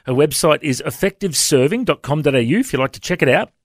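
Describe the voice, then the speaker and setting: A man's voice: fairly high pitch, expressive, fast talker, no room sound, clean studio sound. A man hosting a radio interview in a friendly, conversational way. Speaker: radio host.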